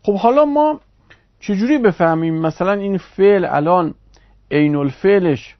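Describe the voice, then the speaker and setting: A man giving a recorded online grammar lesson, explaining step by step at a measured pace with pauses and fillers. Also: sits high, animated, highs cut off. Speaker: Arabic grammar teacher.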